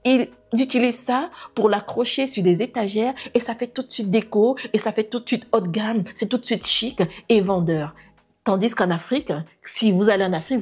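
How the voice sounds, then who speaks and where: A woman's voice: medium pitch, darkish tone, husky. A middle-aged woman, a decorator, talking unscripted to camera in an earnest way, with many fillers and restarts. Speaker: interior decorator vlogger.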